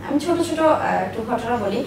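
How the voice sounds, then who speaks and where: High-ish, creaky, and somewhat dark in tone, her voice is brisk with lively intonation. She's a thirty-something business owner telling personal stories in an interview, emphatic and prone to repeating herself for stress. The audio comes from an echoey room via a distant mic, with faint noise.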